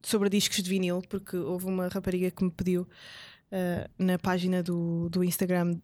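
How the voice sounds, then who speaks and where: A woman's voice: lowish voice, monotone, moderate pace, warm tone, no echo. A hungover young woman with a European Portuguese accent, co-hosting a casual podcast in a slangy, informal way. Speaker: podcast co-host.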